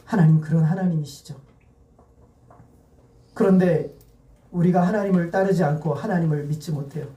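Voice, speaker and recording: A male pastor preaching a sermon in a church sanctuary, animated and firing rhetorical questions at the congregation. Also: fairly high pitch, normal speed, pauses often. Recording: echoey church hall.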